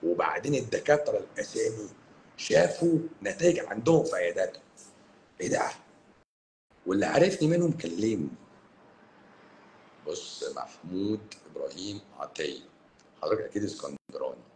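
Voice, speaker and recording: A man from Cairo with an Egyptian accent, a doctor talking bluntly and emphatically to viewers on a livestream, swinging between loud and hushed. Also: lowish voice, expressive, fairly quick, pauses often, roomy sound, slight background noise, low-quality recording. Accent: Egyptian Arabic, Cairo. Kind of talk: livestream talk answering viewers.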